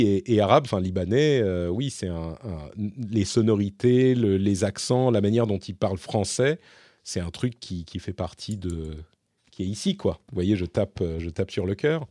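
A middle-aged man talks through listener questions in a loose, unscripted way, often stopping to rephrase. His voice sits low and sounds warm and relaxed. The recording is dry and close, with no room sound. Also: no echo. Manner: hesitant, thinks aloud, self-correcting. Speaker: podcast host answering listener questions. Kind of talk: casual Q&A monologue.

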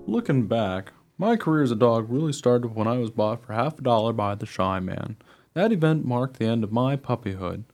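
In a scripted radio play, a man voices a friendly, chatty, young-hearted dog earnestly narrating his own life story. His voice is mid-range and natural, at normal speed, over soft background music. The storytelling is excitable and naive, with a wry, reflective mood.

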